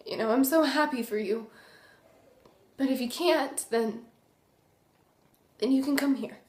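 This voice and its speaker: A young woman acting a remorseful recovering addict in a dramatic monologue, halting and full of tragic sorrow. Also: high voice, darkish tone. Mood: sad, sincere. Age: young adult. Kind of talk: dramatic monologue, naturalistic confession. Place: small indoor room. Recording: roomy echo.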